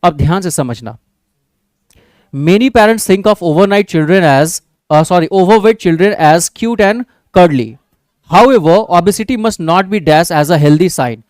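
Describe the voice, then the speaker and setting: A man teaching an exam-prep English grammar lesson with an Indian accent, often checking in with his class and reading English sentences out slowly. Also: high voice, a little mellow, no room sound. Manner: checks in with the class, calls students "babu" and "bhai".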